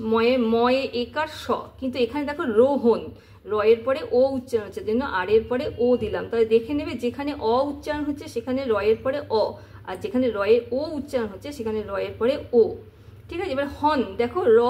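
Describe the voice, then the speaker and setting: A woman's voice: high voice, slight background noise. A woman teacher giving a patient, step-by-step spoken lesson over handwritten examples. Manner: patient, step-by-step explaining, often saying "see" and "okay".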